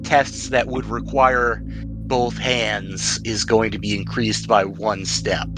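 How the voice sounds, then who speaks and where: A man with a lowish voice, little pitch movement and a slow pace acts as game master, narrating a tabletop roleplaying game casually and jokingly. He laughs often as he talks, and the recording quality is low.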